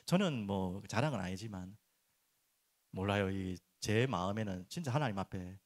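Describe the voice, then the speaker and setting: A middle-aged man preaching a sermon as pastor, turning expressive when he acts out prayers and dropping soft and low for earnest points. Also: moderate pace. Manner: animated, acts out prayers and complaints in raised voice.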